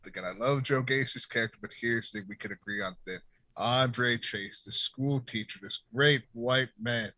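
A man co-hosting a podcast in relaxed, casual conversation. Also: mid-range voice, moderate pace, no echo. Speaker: podcast co-host. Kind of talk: casual chat.

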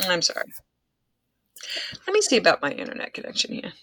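A woman's voice: fairly low pitch, huge pitch swings, brisk, heavy background noise. A woman chatting casually on a video call from her home office, talking with lots of "like" and laughing easily. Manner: chatty, laughs often, uses filler "like". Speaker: conversation partner. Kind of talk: casual chat.

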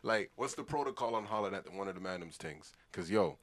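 Low-voiced slangy man in his thirties. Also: animated, fast talker. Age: 30s. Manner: slangy, profane, repetitive. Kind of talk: casual group banter and storytelling.

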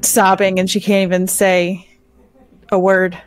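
Unhurried casual woman player. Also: mid-range voice, monotone, faint music behind. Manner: casual, chatty. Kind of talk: tabletop game play.

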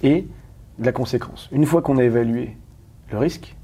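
A man from Paris, a guest talking candidly in an interview, rapid and emphatic with many restarts and questions to the listener. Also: medium pitch, mellow, slightly rough. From Paris, France.

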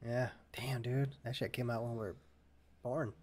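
A man's voice: medium pitch, steady tone, normal speed, a little mellow. A man in his thirties co-hosting a casual movie podcast, laid-back and agreeable, often laughing. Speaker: podcast co-host.

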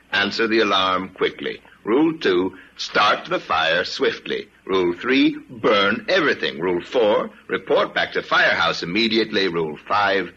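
An actor playing a hard, cynical fire captain in a radio drama, sardonic and given to barking orders. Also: male voice, deep voice, bright, forceful tone, breathy edge, heavily acted. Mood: sardonic, authoritative. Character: hard, commanding, cynical fire captain who burns books. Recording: slightly dull radio drama recording.

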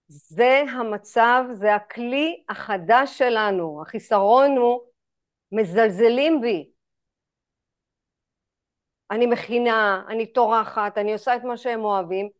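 A woman guiding a women's group session, animated and acting out inner dialogue in hushed asides. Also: a little high. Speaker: spiritual group facilitator.

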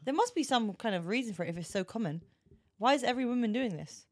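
Playful British woman, slightly high voice. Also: lively intonation, fast, dry recording, clean studio sound. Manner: laughing, playful, chatty. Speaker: podcast co-host. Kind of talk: casual chat.

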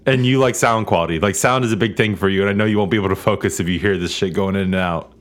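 A man co-hosting a casual podcast, animated and a bit excitable, swearing casually. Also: low voice, very fast. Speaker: podcast co-host. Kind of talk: casual chat.

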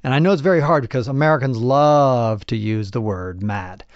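A man hosting a podcast, talking casually with animated, opinionated asides. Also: mid-range voice, moderate pace, no room sound, dull audio. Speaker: podcast host.

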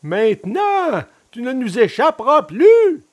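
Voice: high-pitched, very animated, slow pace, voice pushed up, full character voice. A storybook reader voicing a pair of cruel male assassins, threatening and mocking their victim. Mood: menacing. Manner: threatening, sneering.

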